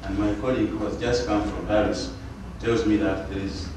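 An older Ugandan man whose first language is Luganda gives a formal symposium address from a lecture hall panel table. His low-leaning voice stays fairly even, measured and formal but halting with fillers. He speaks into a table mic on a stand that sounds distant in the echoey room, with background hiss.

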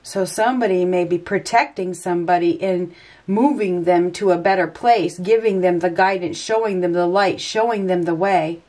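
This woman, congested with a head cold, is doing an unscripted tarot reading indoors at a table, voicing her thoughts as each card turns. She speaks at a moderate pace in a lowish, slightly mellow voice, hesitant and rambling as she thinks aloud.

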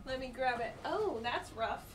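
A woman streaming a game, chatting casually with her viewers, swearing often and breaking into loud outbursts and laughter. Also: sits high, animated, unhurried, distant mic, soft background music. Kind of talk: casual gameplay chat.

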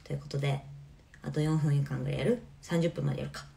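A woman hosting a casual live stream from her home on a phone, chatting in a relaxed way and answering viewers' comments. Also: low-pitched, fast talker, gravelly, a little hiss or hum. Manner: chatty and relaxed, often laughing softly.

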